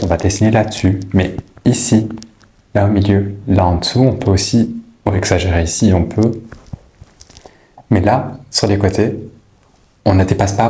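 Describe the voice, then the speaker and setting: A man with a fairly low voice talks casually through a makeup tutorial. He is chatty and teasing, dropping playful asides, with a faint hiss of noise behind him. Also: dark tone.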